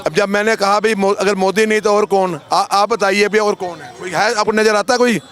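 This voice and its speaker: A man in a street interview who talks haltingly, repeating words and restarting. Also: high voice, steady tone, a crowd in the background.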